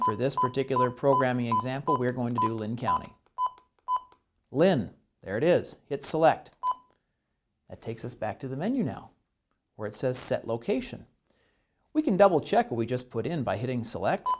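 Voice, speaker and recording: A man with a mid-range voice presents a step-by-step instructional demonstration, explaining each step deliberately.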